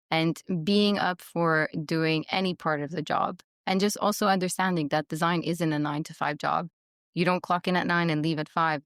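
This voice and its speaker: Speaking as an interview guest in a relaxed conversation, a young Montreal woman laughs quickly and keeps things chatty and upbeat. Italian is her first language, and her voice sits low. The sound is studio quality with no echo, captured in a workspace studio in London.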